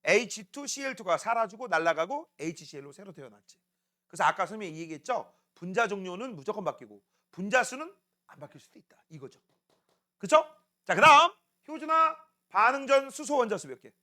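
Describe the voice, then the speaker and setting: A man teaching a science class, quizzing students by name with quick questions in a casual, teasing way. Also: sits high, big pitch swings, pushed and bright. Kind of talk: classroom lecture.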